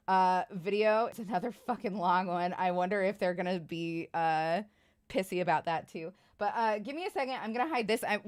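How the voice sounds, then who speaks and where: A woman in her thirties from Iowa, United States speaks in a lowish voice while chatting casually with livestream viewers. She rambles and jokes at her own expense, swearing and laughing often.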